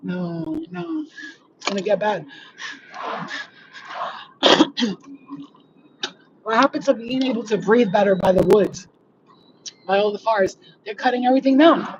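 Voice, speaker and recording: A woman's voice: medium pitch, lively intonation, a little slow, pauses often. A woman, a spiritual healer ranting bluntly and profanely to her viewers. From New York. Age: 40s. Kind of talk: casual rant to viewers. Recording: slightly dull, faint background noise.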